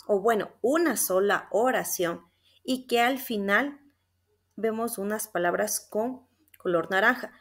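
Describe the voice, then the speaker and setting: Woman reading questions off slides. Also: mid-range voice. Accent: Ecuadorian Spanish. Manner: explains step by step, reads examples aloud. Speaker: student presenter. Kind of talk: slide-based class presentation.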